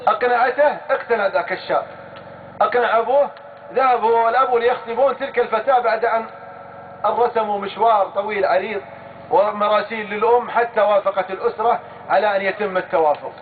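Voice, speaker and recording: A male preacher with a Saudi Gulf accent, giving an emphatic sermon and swearing oaths as he speaks straight to the crowd. His voice sits very high and moves at a quick clip. The recording is thin and phone-like, with a faint hiss underneath. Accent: Saudi Gulf Arabic. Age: adult with a young daughter. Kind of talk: sermon with storytelling.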